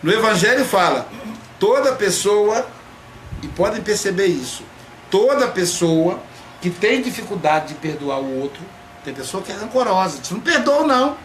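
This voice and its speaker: A man, a psychoanalyst, giving a reflective spoken talk and drawing out key words slowly for emphasis. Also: sits high, expressive, faint music behind. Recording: echoey room, faint background noise.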